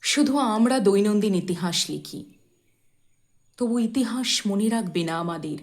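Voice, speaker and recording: A woman with a medium-pitched voice recites poetry dramatically. Her delivery is measured and expressive, with deliberate pauses and phrase endings that fall away softly.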